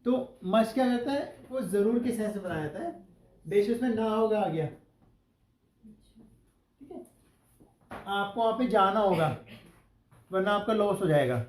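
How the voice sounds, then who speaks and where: A man teaches English grammar to a classroom, quizzing his students and spelling out sample sentences one word at a time. His voice sits high and sounds roomy, and the audio quality is poor.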